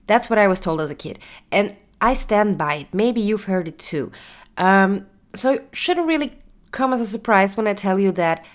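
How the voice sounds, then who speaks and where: A young woman hosting her own podcast and talking casually, her voice nasal from a cold, chatty with fillers and small laughs. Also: medium pitch. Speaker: podcast host. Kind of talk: casual solo podcast talk.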